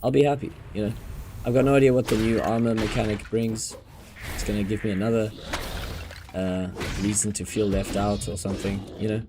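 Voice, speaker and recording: Laid-back lower-voiced male game streamer. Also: steady tone, brisk, noisy background. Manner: laid-back, says bro and dude, talks to chat. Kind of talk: casual live gaming chat. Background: game music.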